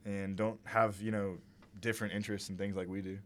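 Young male co-host, American accent, brisk pace, fairly low pitch, easygoing slangy conversation. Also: little pitch movement. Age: young adult. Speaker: podcast co-host. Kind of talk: casual chat.

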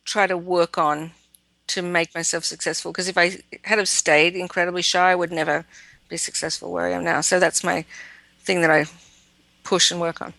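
A woman's voice: on the low side, little pitch movement, moderate pace, vocal fry, bright, forceful tone, dry recording. A woman guest in a casual interview, speaking in a self-deprecating way, laughing often and hesitating with fillers. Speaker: magazine editorial director, guest.

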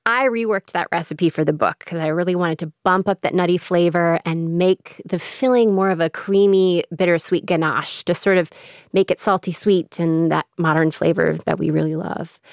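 A woman's voice: mid-range voice, dry recording, clean studio sound. A woman from the Midwest with a Chicago accent, chatting enthusiastically as a cookbook author in a radio interview. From American Midwest. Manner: enthusiastic, chatty, laughs often.

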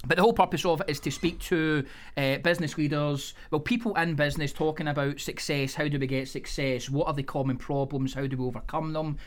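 A man's voice: on the high side, steady tone, a little fast, hardly any pauses. A man hosting a business podcast, introducing and interviewing in a conversational way.

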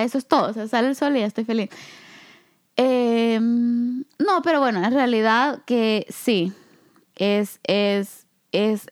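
A woman from El Salvador with a Salvadoran Spanish accent, co-hosting a podcast in relaxed, chatty conversation. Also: fairly high pitch. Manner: relaxed, chatty, frequent fillers and laughs. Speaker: podcast co-host. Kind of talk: casual chat.

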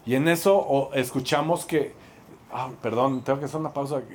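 A man with a Mexican accent preaches in a storytelling sermon, lively and self-mocking, acting out the voices in his story. His voice sits in a middle pitch. A faint background noise runs under the recording. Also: normal speed.

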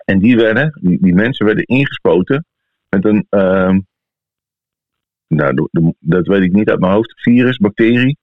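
A man's voice: fairly low pitch, expressive, moderate pace. A man with a Dutch accent from the Netherlands chatting casually and informally as a podcast host. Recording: thin phone-like sound, echoey room.

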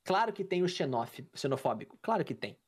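Young Carioca man, animated slangy storyteller, husky and bouncy. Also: fairly high pitch, a little fast. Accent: Carioca Brazilian Portuguese. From Brazil. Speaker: podcast guest. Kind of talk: casual chat.

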